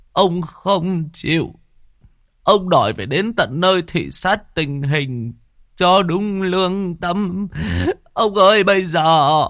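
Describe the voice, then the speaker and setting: A man's voice: high-pitched, a bit bright, no echo, studio quality, pitched above the performer's own voice, full character voice. Man doing a wailing old servant. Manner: weeping, drawn-out wailing.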